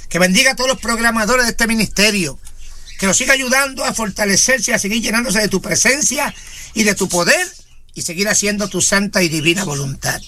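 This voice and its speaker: A man's voice: high voice, brisk, pushed and bright. A man, preaching and praying fervently on a radio ministry program, with frequent interjections of praise. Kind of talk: radio sermon and prayer.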